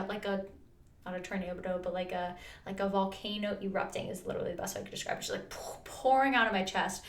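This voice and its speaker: Woman vlogger, mid-range voice, earnest chatty storytelling, echoey room. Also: medium pitch. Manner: earnest, chatty, full of "like" and restarts. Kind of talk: personal storytelling. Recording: roomy echo.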